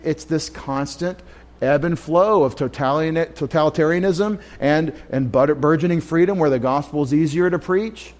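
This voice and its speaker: A male pastor delivering a Bible study sermon, voice pitched a little higher than most men's. He talks in an emphatic way, often repeating a line for weight and correcting himself mid-phrase. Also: normal speed, darkish tone. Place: church.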